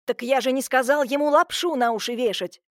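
A woman voicing an irritable, gruff middle-aged man who grumbles and shouts. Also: sits high, a little fast, no room sound, clean studio sound, voice pushed up, lightly acted. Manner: grumbling, then bursts of shouting.

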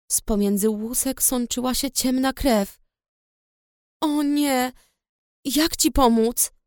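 A woman narrating a storybook in the first person with a steady, measured reading on a close studio mic. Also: lowish voice, no echo. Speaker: audiobook narrator.

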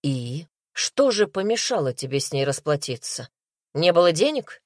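A woman's voice: low-pitched, very animated, moderate pace, dry recording, studio quality. A woman reading an audiobook, voicing a male detective who interrogates a suspect in a harsh, barking manner. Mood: furious. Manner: harsh, barking, pressing questions. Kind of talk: audiobook character voice.

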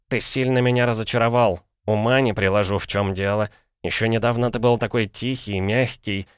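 A man's voice: on the low side, clean tone, dry recording, studio quality, voice pushed up, close to an everyday voice. A man voicing an earnest, mild-mannered schoolmaster lecturing a pupil in an audiobook.

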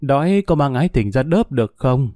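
A man's voice: medium pitch, expressive, mellow, dry recording, clean studio sound, natural voice. A man putting on a bitter drunk old woman. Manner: coarse, grumbling, slow drawling monologue. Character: bitter drunk older woman cursing men.

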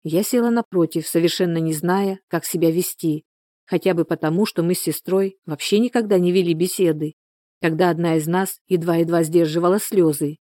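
A woman narrating a first-person audiobook in a measured, steady storytelling manner. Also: on the low side, no room sound, studio quality.

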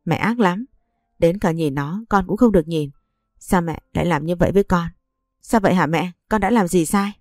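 A woman voicing a gentle, hurt young wife who speaks in a tearful, pleading way. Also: on the low side, moderate pace, no echo, studio quality, soft background music, lightly acted.

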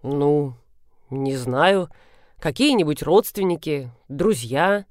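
A blunt, grumbling young man who rescues a stranger and then sulks about it, read by a woman in her own near-normal voice. His lines come out short and gruff. The recording is close and dry, with no room sound. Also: low-pitched, lively intonation, slow, a little mellow, dry recording. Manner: grumbling, curt.

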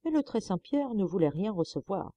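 A woman reading a fairy tale aloud in an expressive, animated storybook narration. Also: medium pitch, normal speed, dry recording. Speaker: audiobook reader.

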